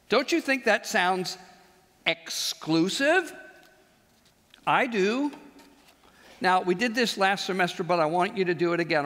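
A high-voiced older man preaches a chapel sermon from a big auditorium stage, speaking into a headset mic. He is animated and leans on slow, emphatic pauses. His voice rings out with a long hall reverb.

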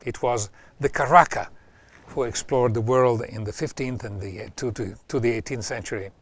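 A man's voice: mid-range voice, normal speed. A man with an Italian accent giving an informal history talk, often repeating and restarting his phrases. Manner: varies loudness a lot from phrase to phrase. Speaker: history presenter.

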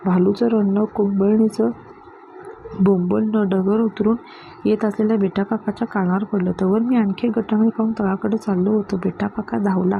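A woman reading a story aloud in a steady, measured narration. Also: mid-range voice, vocal fry. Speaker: story reader. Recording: dull lo-fi with faint hiss.

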